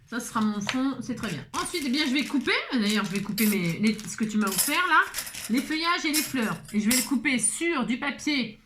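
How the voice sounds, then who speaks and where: A woman's voice: fairly high pitch, lively intonation, a little fast, noisy background. A woman with a French accent hosting a casual card-making video. She talks while she works, thinking aloud with lots of fillers and jokes at her own expense. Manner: chatty, self-mocking, thinks aloud with many fillers. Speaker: craft video host. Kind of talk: casual crafting demonstration.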